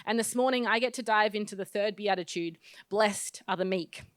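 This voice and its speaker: A woman's voice: medium pitch, moderate pace, dry recording. Casual, chatty woman pastor preaching. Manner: conversational, self-deprecating, with restarts. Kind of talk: sermon.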